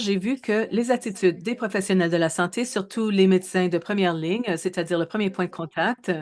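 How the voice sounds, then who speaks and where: A woman in her thirties giving a research presentation in a webinar, speaking in a measured way with frequent hesitations and self-corrections. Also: medium pitch, a little mellow. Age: 30s.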